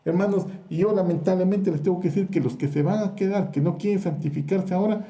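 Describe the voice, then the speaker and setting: A man's voice: sits high, quick pace, mellow, reverberant. A man preaching a fervent sermon in a church, calling out to his brothers and sisters over and over. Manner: fervent, addresses the congregation as brothers again and again.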